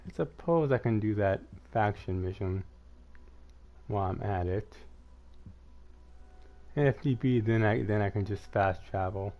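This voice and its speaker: This streamer speaks in a lowish voice at a measured pace, pausing often. He rambles through casual live gameplay commentary with his viewers, self-effacing and slightly lisping, while a dull lo-fi mic picks him up over background music.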